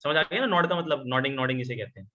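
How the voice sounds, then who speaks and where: A man training a virtual meeting in Hindi mixed with English, animated and constantly asking his listeners questions. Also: medium pitch, racing. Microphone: video call. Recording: lo-fi video call audio.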